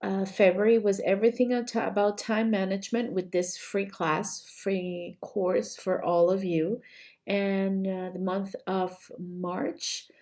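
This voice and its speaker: A woman coach with a flu teaches a live-streamed class through her computer mic. She speaks slowly and unhurriedly, and her voice is a little hoarse. She chats warmly with viewers and keeps apologizing. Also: medium pitch, little pitch movement. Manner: apologetic, chatty, greets viewers by name. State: sick with a flu, slightly hoarse. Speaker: cake decorating coach. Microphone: computer mic while streaming.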